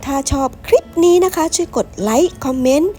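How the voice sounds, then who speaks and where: A woman's voice: high-pitched, brisk, dark tone. A woman from Ratchaburi narrating a travel vlog, speaking politely and often addressing her viewers directly. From Ratchaburi, Thailand. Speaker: travel vlogger.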